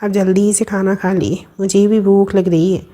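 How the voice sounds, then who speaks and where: Brief: woman voicing a cheeky, caring young woman for a storybook, mid pitch. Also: flat delivery, moderate pace, warm tone, lightly acted. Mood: teasing. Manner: teasing, bossy and affectionate. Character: bold, teasing young woman, caring friend.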